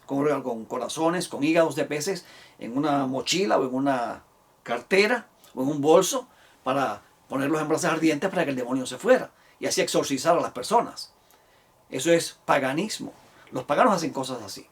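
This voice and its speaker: A man gives a Bible teaching in a fairly high, husky voice. He talks with strong emphasis and lifts his voice to drive points home. He sounds a little distant from the microphone. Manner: emphatic, rising for stress, acting out quoted voices.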